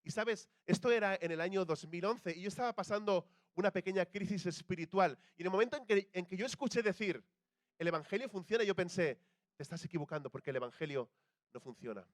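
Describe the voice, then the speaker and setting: In a talkative sermon, a young man from Spain puts questions to the congregation and acts out quoted voices in his Spanish accent. He speaks fairly quickly in a high register, and there's no room sound.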